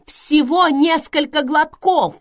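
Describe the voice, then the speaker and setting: Brief: woman doing shrill, tearful vampire lady for an audiobook, high, dry close mic. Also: very animated, a little slow, dry recording. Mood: desperate. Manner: shrill, loud, near tears. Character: hysterical tearful female vampire.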